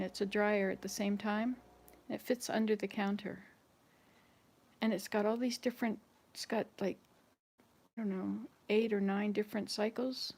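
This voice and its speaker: Cleaning indoors, a woman in her sixties rambles to her audience about one job after the next. She speaks at medium pitch in a slightly mellow voice.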